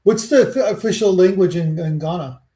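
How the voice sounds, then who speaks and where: A man with a fairly high voice hosts a casual interview. He asks loose, wandering questions and often stops to look for the right word. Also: fairly quick, dark tone, reverberant. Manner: rambling, searching for words. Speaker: podcast host.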